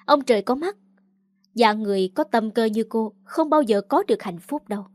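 A woman's voice: a little high, moderate pace, darkish tone, dry recording, lightly acted. A woman reading aloud the lines of a cold, contemptuous young man in a storybook narration. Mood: scornful. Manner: contemptuous, cutting.

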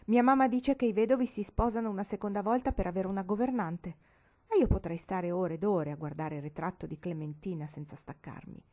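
Una donna che legge dà voce a una bambina prepotente e sfacciata, con tono canzonatorio e saccente. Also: female voice, medium pitch, brisk, mellow, close to an everyday voice. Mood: bossy. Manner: teasing, self-important. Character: bossy cheeky little girl. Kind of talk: audiobook reading.

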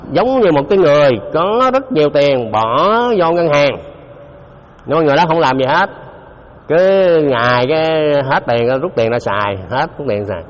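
A man giving a Buddhist dharma talk, speaking conversationally and often putting questions to his listeners. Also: fairly high pitch. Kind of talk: dharma talk to a live audience. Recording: dull lo-fi recording in a reverberant hall.

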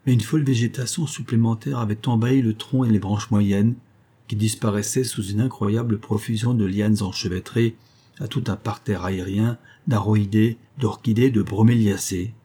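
A man narrating a novel in a steady, measured reading. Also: lowish voice, husky. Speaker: audiobook reader.

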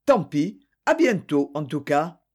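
A man's voice: on the high side, very animated, a little slow, darkish tone. A man voicing a cheerful, plump, bumbling Englishman who talks in jovial, clumsy phrases.

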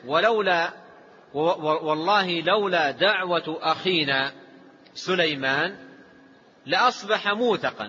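A man with a somewhat high, bright, tense voice that is a little husky gives a lecture. He restates phrases as he explains a text. The sound is dull and lo-fi, with a long echo from a hall. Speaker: sheikh teaching a lesson.

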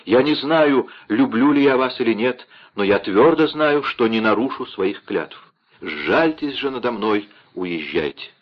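A man's voice: medium pitch, lively intonation, unhurried, muffled recording. A man voicing an anguished, proud young queen in an audiobook, pleading and emotional.

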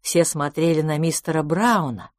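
Lady narrating a kids story, lowish voice, dry sound, lively reading. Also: normal speed, no echo. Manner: lively, shifts pitch for each character. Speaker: audiobook narrator.

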